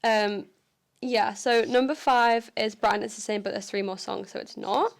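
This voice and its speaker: Chatty woman with a gravelly fry. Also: medium pitch, moderate pace. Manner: relaxed, chatty, swears casually. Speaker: podcast co-host. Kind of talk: casual chat.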